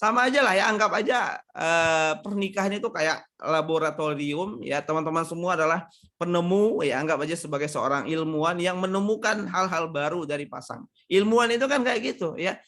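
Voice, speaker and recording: A man from Sumatra answers audience questions in a relaxed online talk on marriage, his voice sitting a little high for a man. He speaks conversationally, often closing his points with tag questions. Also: brisk. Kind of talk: live online seminar with Q&A.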